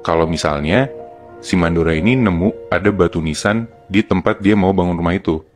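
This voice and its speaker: A man with a low voice and a Jakarta accent tells a horror story on a podcast. He talks colloquially, as if to friends, laying out each part step by step. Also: fairly quick, soft background music. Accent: Jakarta Indonesian.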